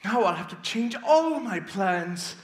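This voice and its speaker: A scheming male wolf sings and gloats in a theatrical storybook musical, voiced by a woman. The voice swoops lively and takes its time. It sits in a roomy studio with faint music behind. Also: medium pitch, a little slow, close to an everyday voice. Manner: sing-song, theatrical, gloating.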